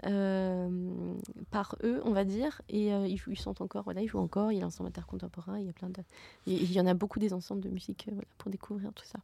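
A woman's voice: mid-range voice, fairly even intonation, fast, creaky, warm tone, dry recording. A woman talking casually as a guest about contemporary music, hesitating often with fillers and restarts. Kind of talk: casual radio chat.

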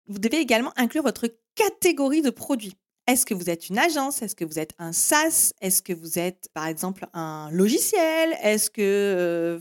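A woman hosting a marketing podcast, explaining steps in a didactic way with self-deprecating asides. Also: mid-range voice. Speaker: marketing agency host.

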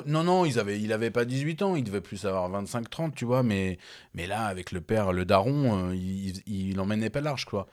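A young man in casual chat with a friend, telling a story in an animated, slangy way and laughing often. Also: lowish voice, a little fast.

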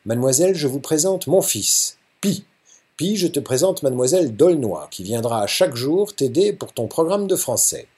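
A commanding middle-aged father barks brisk orders, as a male reader puts him on. The voice has a husky, breathy grain and a lively, swinging pitch. It is read aloud from a novel. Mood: authoritative. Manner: brisk, peremptory.

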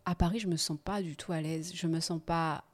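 A woman guest on a podcast, telling her life story in a casual, lively way and often laughing. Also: low voice, fairly quick. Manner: lively, laughing, animated when telling anecdotes.

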